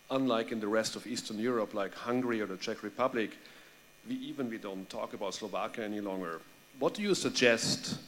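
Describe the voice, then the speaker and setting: A man with a fairly low voice asks a question from the audience at a conference. He is polite and lays out the question with slight hesitations. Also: a bit bright, slight background noise. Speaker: audience member asking a question.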